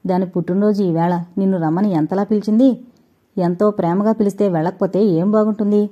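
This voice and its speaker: A woman reading the lines of a sulky, shy young woman in an audio novel, with a pouting, sharp manner, on a dull lo-fi recording. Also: medium pitch, steady tone, fast, natural voice.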